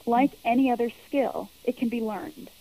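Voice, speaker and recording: A public speaking coach answers interview questions earnestly, explaining things and repeating her main points. Her voice is mellow and fairly high at a normal speed, though the recording is rough.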